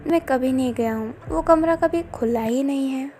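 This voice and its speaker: A woman voicing a gentle young male king in a read-aloud fanfiction story, speaking calmly and softly. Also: sits high, moderate pace, a little hiss or hum, lightly acted.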